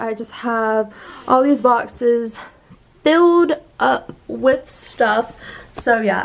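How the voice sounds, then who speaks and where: A woman's voice: a little high, creaky. A young woman in college, filming a casual vlog in her dorm, chatty and upbeat with lots of fillers. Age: young adult. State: out of breath while walking. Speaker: college student vlogger. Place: college dorm room and outdoors walking.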